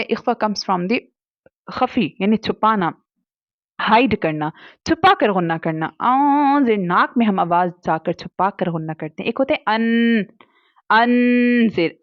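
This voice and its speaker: A woman teaches children to read the Quran, patiently explaining each rule. She stretches the example syllables out slowly and drops English words into her sentences. The recording is dry and slightly dull. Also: mid-range voice, dry recording. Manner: patient explaining, slow drawn-out demonstrated syllables; mixes English words into Hindi speech. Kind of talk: Quran recitation lesson for kids.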